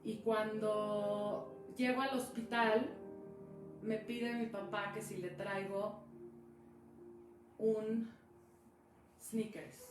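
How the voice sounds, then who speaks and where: A woman's voice: mid-range voice, steady tone, extremely slow, long pauses. Chatty woman in an echoey room. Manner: chatty, acts out dialogue in the story. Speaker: speaker sharing a personal experience. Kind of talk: casual storytelling on a live stream. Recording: echoey room with music behind.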